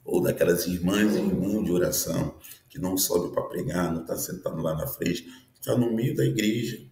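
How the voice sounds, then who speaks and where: Warm, creaky and low-pitched, the voice of a fifty-something pastor comes through a roomy space at a slightly quick pace. He teaches a prophetic sermon in an earnest manner, checking in often with tag questions.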